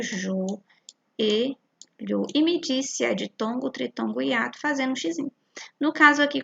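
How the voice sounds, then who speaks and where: A Brazilian woman teaching a primary class, patiently explaining a worksheet and slowly sounding out syllables with frequent checks like "right?". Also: a little high, gravelly, fairly bright tone, dull audio. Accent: Brazilian Portuguese.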